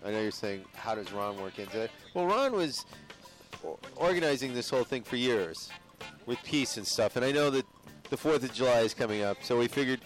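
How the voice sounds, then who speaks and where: A man's voice: medium pitch, expressive, fairly quick, faint music behind. A man hosting community radio, talking in a loose, rambling way with fillers. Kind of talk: casual radio chat.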